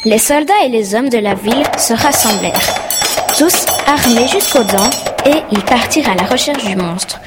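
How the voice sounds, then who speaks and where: A woman narrating a children's storybook in a clear reading voice. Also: on the high side, animated, moderate pace, heavy background noise. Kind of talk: scripted narration.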